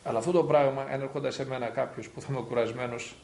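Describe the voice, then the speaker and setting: A man's voice: medium pitch, steady tone, creaky, a little mellow, slight background noise. A man, a priest, earnestly recalling an elder in a documentary interview. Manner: earnest, reflective storytelling. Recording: roomy echo.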